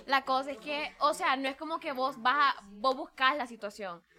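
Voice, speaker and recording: A woman's voice: high-pitched, moderate pace. A young woman, telling stories bluntly and with energy in a casual group chat. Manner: blunt, animated storyteller. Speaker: podcast co-host.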